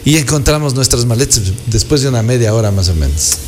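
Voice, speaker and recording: A man, a guest who is an architect, telling travel anecdotes in a relaxed, meandering way. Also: medium pitch, slight background noise. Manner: unhurried, meandering storyteller.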